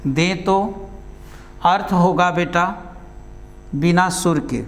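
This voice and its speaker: A man whose voice sits high teaches a class in a big hall, reading out notes phrase by phrase and saying each one again slowly for his students to copy.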